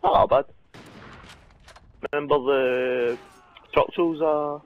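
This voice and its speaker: A man's voice: on the high side, slow pace, gravelly, lo-fi sound. A man chatting casually while playing a video game, joking and swearing a lot. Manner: joking, crude, excitable. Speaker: gamer. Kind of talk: casual gaming chat.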